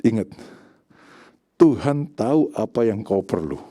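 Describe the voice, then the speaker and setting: A male pastor, preaching a lively sermon that swings from high, pleading mimicry down to low, quiet emphasis. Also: a little slow, no echo, clean studio sound.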